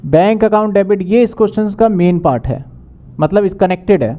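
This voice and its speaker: Man, accounting teacher, high voice, smooth clear tone, muffled lo-fi recording, quizzes himself as he goes. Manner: brisk, asks and answers his own questions. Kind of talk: whiteboard lecture.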